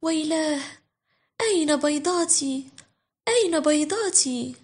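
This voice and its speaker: A woman's voice: high voice, expressive, unhurried. A woman voicing a worried, tender-hearted mother duck in a children's storybook, exclaiming dramatically. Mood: distressed, wailing.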